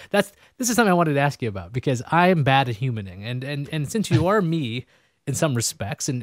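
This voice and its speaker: A man's voice: mid-range voice, dry recording, clean studio sound. A man hosting a casual interview show, rambling and joking about himself. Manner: rambling, self-mocking, jokey. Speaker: host. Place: New York.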